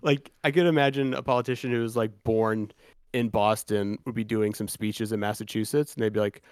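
A man's voice: lowish voice, level tone, a little fast, a little mellow, smooth, no echo, studio quality. A man co-hosting a sports podcast in loose, casual chat, swearing freely and restarting his sentences often. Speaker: podcast co-host.

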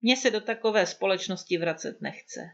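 A woman's voice: medium pitch, lo-fi sound, natural voice. A woman reading the part of a carefree young adult son who talks back to his mother in a breezy, persuasive way.

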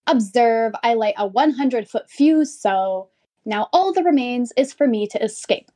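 A man voicing a squeaky, cowardly, boastful schoolboy in a 1950s radio comedy, reading his own stage directions aloud and mangling words. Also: expressive, a little slow, dark tone. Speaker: comic character.

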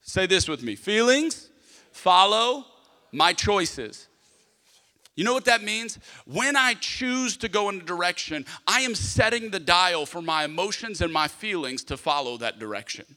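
Here a man delivers a sermon in a large, reverberant hall, speaking a little slowly in a high, pushed and bright voice with lively intonation. He leans on repeated phrases for the congregation to echo, stays conversational, and acts out small exchanges within humorous personal stories.

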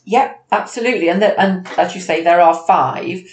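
A woman with a lowish voice co-hosts a podcast, talking business in a casual, conversational way at a moderate pace. The room is echoey and has background noise.

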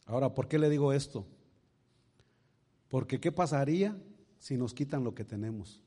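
A male pastor preaching a sermon, swinging from quiet asides to loud exclamations and asking his congregation rhetorical questions. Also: mid-range voice, expressive, moderate pace, breathy edge. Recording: long reverb of a large hall.

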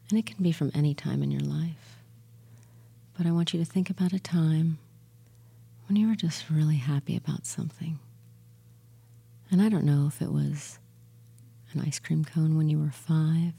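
Soothing, very slow, breathy woman's murmur. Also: sits low. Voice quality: soft, breathy, near whisper at times. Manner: soothing, slow, gentle murmur with long pauses. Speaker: guided relaxation hypnotist. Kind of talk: guided meditation and hypnosis induction.

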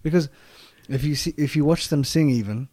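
A man's voice: on the high side, fairly quick, a loud crowd. A man talking casually and reflectively, repeating his phrases for emphasis.

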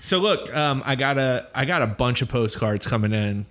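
A man's voice: mid-range voice, animated, normal speed, a bit bright. Joking man hosting a podcast. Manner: playful, joking, reads listener mail aloud. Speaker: podcast host. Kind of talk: casual podcast chat.

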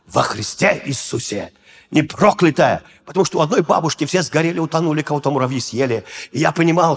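A man preaching with a husky, slightly rough voice that sits a little high for a man. His delivery swings widely in pitch as he tells stories and acts out voices, now and then breaking into shouts. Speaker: pastor. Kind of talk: sermon.

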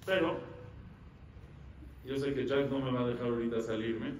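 A rabbi giving an animated Torah lecture, asking the audience questions and answering them himself. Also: male voice, mid-range voice, normal speed, a little hiss or hum. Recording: echoey room, mic at a distance.

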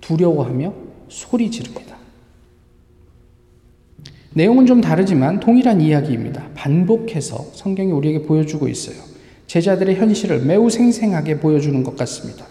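A man's voice: a little high, animated, brisk, dark tone. A male pastor preaching a Sunday sermon, often putting questions to the congregation. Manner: asks the congregation rhetorical questions. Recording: echoey hall with long reverb.

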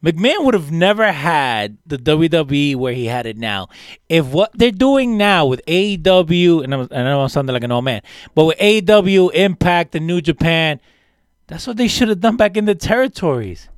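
A man's voice: a little high, sing-song, normal speed, dry recording. Talkative man with a dry, close sound. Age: older than co-hosts. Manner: enthusiastic, rambling with many restarts. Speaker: podcast co-host. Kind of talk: casual chat.

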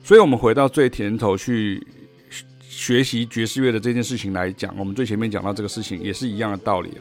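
A man's voice: lowish voice, fairly even intonation, fast talker, darkish tone. A man from Taiwan with a Taiwanese Mandarin accent, giving a podcast music lesson as a jazz teacher and explaining points with sung rhythm syllables.

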